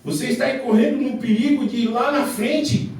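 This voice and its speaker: Preacher with cathedral echo, high voice. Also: male voice, steady tone, normal speed, a little hiss or hum. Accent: Brazilian Portuguese. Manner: fervent preaching, builds to forceful shouting. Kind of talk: sermon. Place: large church hall. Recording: cathedral echo, heavy church reverb from far off.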